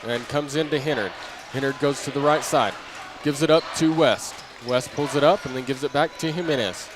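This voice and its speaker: A male play-by-play announcer calls a live basketball game in a medium pitch at a moderate pace. The gym is noisy, with a crowd and a bouncing ball audible behind him.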